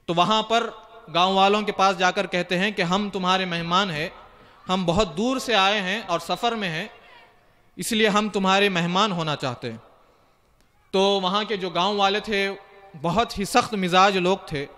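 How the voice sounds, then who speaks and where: A man's voice: high voice, pushed and bright. A male Islamic preacher from India telling a religious story in a sermon, retelling it vividly and acting out the quoted dialogue.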